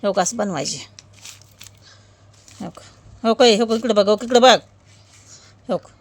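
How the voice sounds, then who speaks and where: A woman's voice: medium pitch, a little slow. A young woman, coaxing a small child on camera, repeating her prompts again and again. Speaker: mother filming her child. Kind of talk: casual home video chat.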